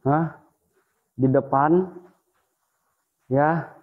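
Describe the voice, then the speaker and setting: A man hosting a ghost-hunting video, speaking in a hushed, alert way and calling out greetings to spirits. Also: fairly high pitch, fairly even intonation, extremely slow, breathy edge, narrow, tinny audio. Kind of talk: live paranormal investigation commentary.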